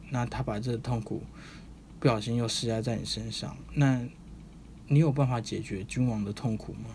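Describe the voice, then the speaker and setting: A man voicing a calm, gentle young male monk who speaks softly and mildly. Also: mid-range voice, a little hiss or hum, natural voice. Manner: soft-spoken, mild.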